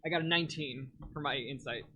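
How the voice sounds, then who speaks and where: A man chatting casually as a player at a tabletop game, in a middle-pitched voice. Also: fast, background noise.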